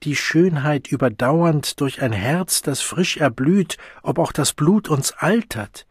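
A man's voice: a little high, animated, takes it slowly, husky, no echo, pitched above the performer's own voice, full character voice. An earnest, lovesick young man pours out pleading, verse-quoting speeches, as a male narrator puts him on. The voice sits raised and impassioned with a slight huskiness. It is an audiobook recorded dry and close. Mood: reciting.

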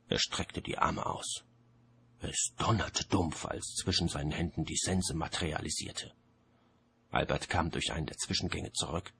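A man narrating a story in a measured storytelling manner. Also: rumbling low, creaky, a bit bright, a little hiss or hum. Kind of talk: audiobook narration.

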